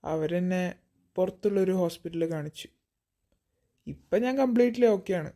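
A woman voicing a teenage boy in a cartoon, speaking calmly and reassuringly, with soft teasing. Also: on the low side, normal speed, natural voice. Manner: calm, reassuring, softly teasing. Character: calm teenage boy returned after an accident. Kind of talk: cartoon voice acting.

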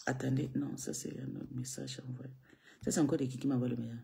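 A woman from Cameroon, scolding a critic in a combative monologue, swinging from low mutters to high outbursts. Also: fairly even intonation, quick pace, gravelly, dark tone, a little hiss or hum. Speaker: live streamer answering a critic. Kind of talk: heated monologue on a live video.

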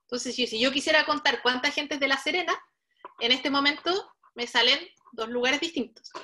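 A woman's voice: high voice, moderate pace, bright, forceful tone. A woman leading an online coding workshop, patiently explaining each step and speaking straight to the learners. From Chile. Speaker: workshop instructor. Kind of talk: live online coding tutorial.

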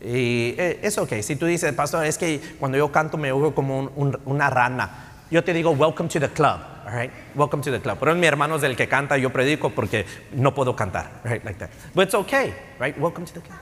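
A man's voice: medium pitch, animated, a little fast, a bit bright. A middle-aged man preaching a bilingual sermon, switching between Spanish and English and often adding tag questions. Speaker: pastor. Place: church sanctuary. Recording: long church hall reverb.

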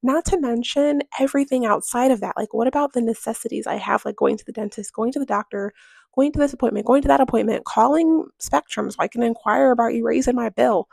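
A woman's voice: fairly high pitch, quick pace, gravelly, a little mellow, slightly rough, no echo. A young woman in casual voice-over chat about her home and money, candid and emphatic, often firing off rhetorical questions. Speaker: home vlogger. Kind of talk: voice-over chat while cleaning.

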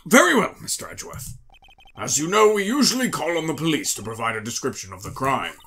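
A man's voice: on the high side, big pitch swings, fast talker, a bit bright, a little hiss or hum. A man voicing a childlike, easily flustered old judge from a video game, exclamatory and theatrical. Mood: pompous. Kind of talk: comic voiced read-through of a courtroom video game. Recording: game music behind.

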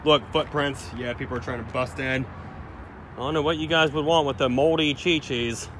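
This urban-exploration vlogger walks outdoors around a deserted restaurant and its lot, recording on a handheld phone. His mid-range voice is fairly bright and fairly even at a moderate pace, punctuated by frequent exclamations aimed at viewers, with a little hiss or hum.

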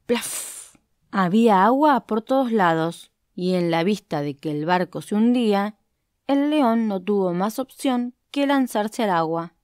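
Woman, storybook narrator, expressive, lively pitch, dry close sound. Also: no room sound. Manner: expressive, animated. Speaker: audiobook narrator.

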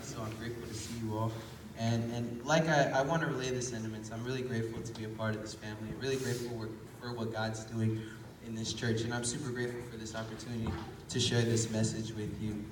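A young man, hoarse from illness, delivers a casual sermon in a small church hall before a congregation, his mid-range voice relaxed and conversational but rising for emphasis. It was captured on a phone from the pews, so it sounds echoey, far off, and noisy.

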